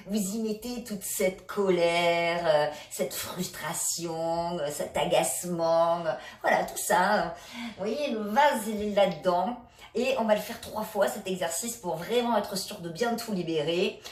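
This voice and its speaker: A woman leading a laughter yoga session, coaching gently with many hesitations. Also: fairly low pitch, unhurried. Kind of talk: guided exercise session. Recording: echoey room, a bit far from the mic.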